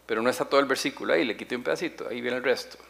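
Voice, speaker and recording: A man preaching a sermon, emphatic, slowing down and repeating key phrases and asking the congregation rhetorical questions. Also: medium pitch, gravelly, fairly bright tone. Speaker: pastor.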